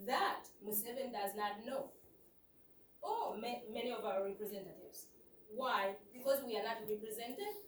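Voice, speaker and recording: A Ugandan woman with a Ugandan accent gives an earnest, emphatic conference presentation in a lecture hall, putting rhetorical questions to the audience. Her voice sits on the high side, with slight background noise. The recording is echoey and distant.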